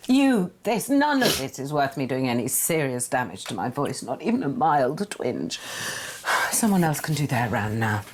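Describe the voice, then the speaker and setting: A woman's voice: extremely low pitch, sing-song, measured pace, a little hiss or hum, exaggerated voice. An actress playing a theatrical middle-aged mother who bossily runs a music quiz and sings her clues. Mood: dramatic.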